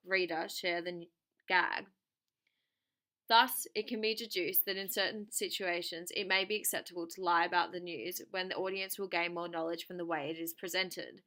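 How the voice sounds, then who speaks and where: A woman's voice: on the low side, pushed and bright. A young woman giving a scripted academic presentation as a student, reading formally from a prepared text.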